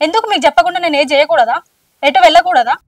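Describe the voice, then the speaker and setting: A woman's voice: high voice, rapid-fire, close to an everyday voice. A woman acting a suspicious, touchy young wife in a short film, accusing and tearful. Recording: distant mic, loud music underneath.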